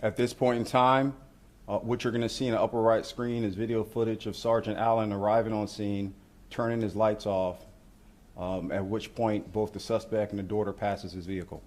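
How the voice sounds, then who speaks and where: A man speaking as a law enforcement official, walking reporters through footage in measured, procedural language. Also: fairly low pitch, level tone, a little mellow. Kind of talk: news briefing commentary on footage.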